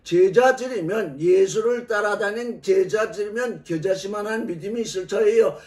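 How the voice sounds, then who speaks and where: 높은 목소리의 남성 설교자, 울리는 방. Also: male voice, sits high, moderate pace, darkish tone. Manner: reads verses aloud and explains them with rhetorical questions. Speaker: Bible teacher. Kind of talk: sermon. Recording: old restored recording, roomy and from a distance.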